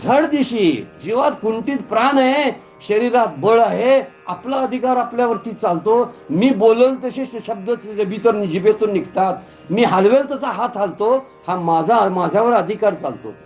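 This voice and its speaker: A man preaching a devotional story sermon in a temple, animated and full of rhetorical questions. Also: sits high, unhurried, dull audio. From Kolhapur, Maharashtra. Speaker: Bhagavat katha preacher. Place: temple gathering.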